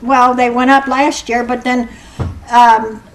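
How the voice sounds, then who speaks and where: An older woman from Norwood, Ohio, speaking as a resident at a council meeting, rambling and aggrieved, with halting restarts. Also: a little high, flat delivery, a little hiss or hum, rough recording. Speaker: resident speaking at public comment. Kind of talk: public comment at a council meeting.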